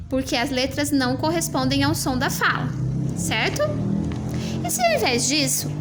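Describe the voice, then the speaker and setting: A woman teacher explaining a classroom writing assessment, slowly sounding out words as she goes. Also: sits high.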